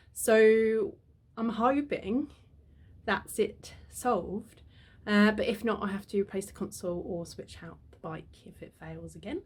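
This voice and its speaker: A woman chatting casually at home in an upbeat, talkative way, laughing often. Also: medium pitch. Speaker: fitness vlogger. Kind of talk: casual vlog chat. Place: home, indoors.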